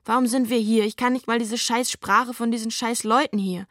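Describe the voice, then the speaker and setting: A woman voicing an angry, sharp-tongued teenage girl who scolds and curses her younger brother. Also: fairly high pitch, steady tone, moderate pace, no echo, studio quality, close to an everyday voice. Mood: desperate. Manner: scolding, cursing, heated.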